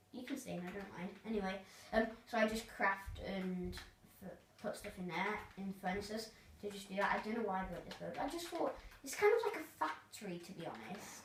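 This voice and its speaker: A woman casually narrating a tour of her video game world, rambling and hesitant with lots of fillers. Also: mid-range voice. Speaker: gamer giving a tour of their world. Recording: roomy, distant mic, faint noise.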